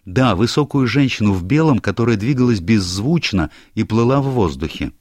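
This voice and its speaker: A man's voice: lowish voice, animated, normal speed, darkish tone, dry recording, clean studio sound, voice pushed up. A man voicing a young, anxious male secretary who stammers and is eager to please, in an audiobook. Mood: flustered. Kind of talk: audiobook character voice.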